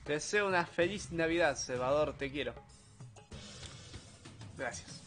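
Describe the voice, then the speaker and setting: A young man with an Argentine accent, live streaming a retro game in low spirits, joking in slang and reading chat aloud. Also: measured pace, a bit bright, soft background music. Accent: Argentine Spanish. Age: young adult. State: low-energy, subdued. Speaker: gaming streamer. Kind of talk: casual live stream commentary while gaming.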